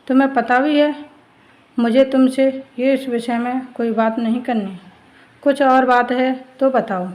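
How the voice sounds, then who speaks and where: Woman doing a young wife, hurt, stern, firm, family story, a bit high-pitched. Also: steady tone, measured pace, darkish tone, poor audio.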